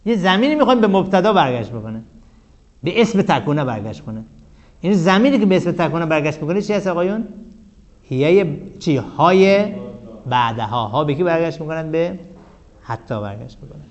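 A man teaching a classroom grammar lesson. He asks the class questions and answers them himself, and his voice drops to a low murmur at the ends of phrases. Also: lively intonation, dull audio. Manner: chants verse slowly.

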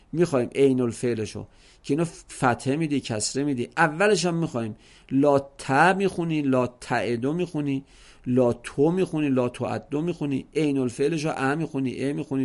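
Gravelly-voiced man teaching Arabic grammar. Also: mid-range voice, a little mellow. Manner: slow, deliberate, repeats examples several ways. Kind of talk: classroom lesson explaining exam question types.

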